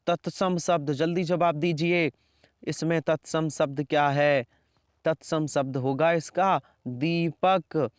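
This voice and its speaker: Slow, clear-voiced man teaching Hindi. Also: a little high, no echo, clean studio sound. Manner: slow, repeats questions and answers; plays both teacher and student, saying "sir". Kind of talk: exam-prep lesson, asking and answering as the student.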